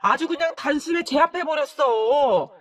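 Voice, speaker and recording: Woman voicing an older father-in-law, calm, offhand, unbothered. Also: high voice, normal speed, natural voice.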